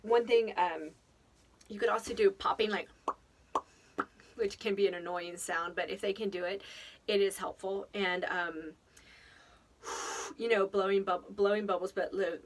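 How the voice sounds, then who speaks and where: Woman rambling through advice, laughs a lot, kinda far from the mic. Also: medium pitch. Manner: chatty, rambling, laughs often, thinks aloud. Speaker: speaker on children's faith formation. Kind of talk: casual advice talk.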